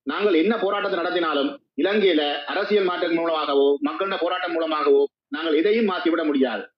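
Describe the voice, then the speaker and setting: A man's voice: fairly high pitch, fairly quick, a loud crowd. A man arguing at length as host of a live stream discussion. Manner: argumentative, explaining at length. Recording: dull lo-fi live stream audio.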